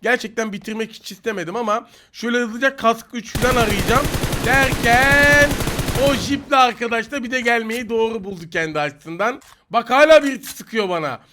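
Brief: young Turkish male gamer, very high bright voice, teasing play-by-play, faint game gunfire behind. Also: normal speed, slight background noise. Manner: joking, teasing opponents, excitable outbursts. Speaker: gaming YouTuber. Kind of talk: live gameplay commentary.

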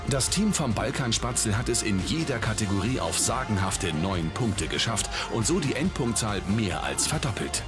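A man's voice: lowish voice, very animated, normal speed, hardly any pauses. A man giving scripted, dramatic voice-over narration for a TV show. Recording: music bed under voice.

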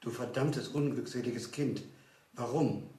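A dying old priest gasps out each broken word, bitter to the end, as a male reader voices him. His speech comes slow and labored. The room lends it a roomy echo. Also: mid-range voice, fairly even intonation, dark tone, recorded from a distance, close to an everyday voice.

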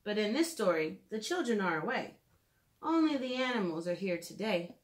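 A woman in her thirties reading aloud and leading a drawing lesson for preschoolers in a clear, simple storytelling manner, recorded in a room at home. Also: medium pitch, very animated, normal speed. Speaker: children's educator reading and drawing. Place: small room at home, indoors.

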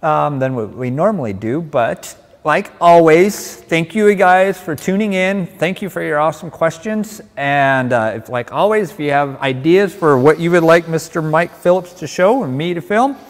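A man's voice: a little high, normal speed, hardly any pauses. A man co-hosting a live detailing class, reading out viewer comments in an easygoing, joking way and laughing often. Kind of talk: casual live-stream chat. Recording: reverberant room.

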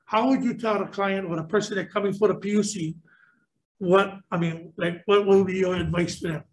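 A man's voice: sits high, fairly even intonation, brisk, low-quality recording. A middle-aged man questioning a nominee at a legislative hearing in an earnest, rambling way, speaking through a mask into a table mic. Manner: earnest, rambling, repeats words while searching. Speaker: state senator questioning a nominee. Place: government hearing room. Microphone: table microphone, wearing a face mask.

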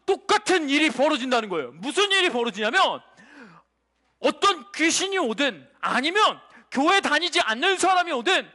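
A man's voice: very high voice, pushed and bright. A male pastor giving a children's sermon, telling a story and asking the children questions. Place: church sanctuary. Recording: church hall reverb.

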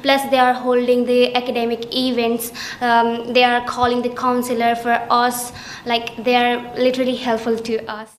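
Young woman from Nepal, student testimonial, very flat monotone, slightly high voice, hesitant with fillers, echoey room. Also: normal speed, a little hiss or hum. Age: young adult. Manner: hesitant, many fillers, flat steady delivery. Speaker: international student. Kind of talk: testimonial interview answers. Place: small indoor study room. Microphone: camera at chest framing. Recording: roomy indoor echo, faint ambience.

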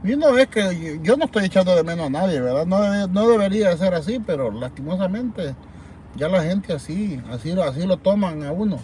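A man's voice: high voice, expressive, fairly quick, mellow, slight background noise. A man from El Salvador with a Salvadoran accent, rambling animatedly to viewers as host of a live chat from a parked car at night, reading comments aloud. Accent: Salvadoran Spanish. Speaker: livestream host.

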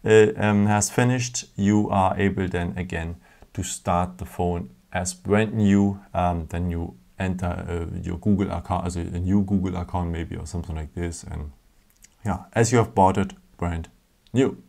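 A man's voice: sits low, steady tone, normal speed, creaky, darkish tone. A man hosting a casual step-by-step phone tutorial, patient, with frequent fillers and non-native phrasing, recorded indoors at a table. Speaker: tech tutorial host.

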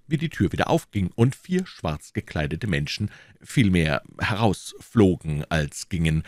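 A deep-voiced man reads a classic novel aloud as an audiobook, telling the story in a measured, expressive way. The scripted narration is studio quality, with no room sound.

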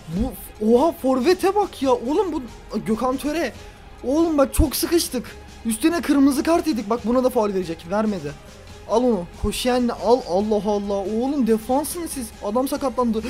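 Guy ranting over his football game, yelling then grumbling low, quiet music in the background. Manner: ranting at the referee, swinging between loud outbursts and low grumbling. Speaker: gamer playing a football video game. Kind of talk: let's play commentary. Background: faint background music.

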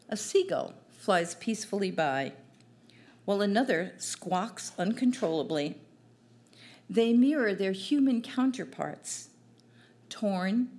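Older woman reciting her own verse at an open mic; slow, soft, mid-pitched, measured. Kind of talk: poetry reading. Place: small cafe stage, indoors. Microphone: stand mic at a distance.

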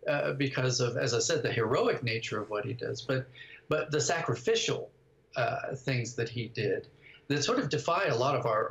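Here the older writer and director, appearing as a video-call guest indoors at his home study, offers considered answers in a medium-pitched, fairly bright voice. Sound quality is the dull kind typical of video calls.

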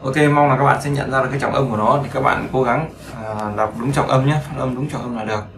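A man's voice: mid-range voice, steady tone, fast talker, vocal fry, background noise. Male teacher for a beginner English lesson, patient and repetitive, recorded in a roomy space. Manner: patient, repetitive explaining with frequent check-in questions.

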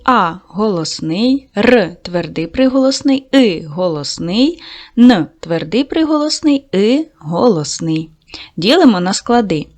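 A woman teaching a video lesson to second graders, with an encouraging manner that speaks slowly to young children. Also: mid-range voice, darkish tone. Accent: Ukrainian. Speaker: primary school teacher.

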